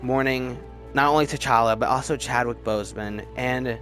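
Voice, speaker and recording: Over soft background music, a man with a mid-range, slightly bright voice and fairly even intonation speaks at a moderate pace. As a video host ranking films, he offers casual, opinionated commentary, emphatic and marked by frequent stammering and word repetition.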